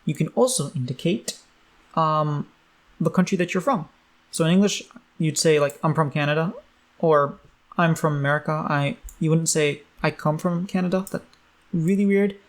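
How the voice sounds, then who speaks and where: A man's voice: fairly high pitch, moderate pace. A man teaching a language in a casual online lesson, loose and chatty with many ums.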